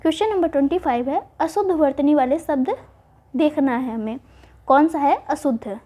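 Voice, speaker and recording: A woman teaching Hindi spelling for exam prep, spelling words out slowly and answering her own questions. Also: sits high, dark tone. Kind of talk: online exam-prep lesson.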